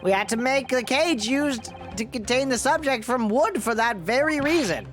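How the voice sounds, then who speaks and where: A man voicing an excitable, self-important scientist professor from a video game, fussy and quick to get flustered. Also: extremely high pitch, faint music behind, pitched above the performer's own voice. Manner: pompous, fussy, stammering when flustered. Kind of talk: video game dialogue read aloud.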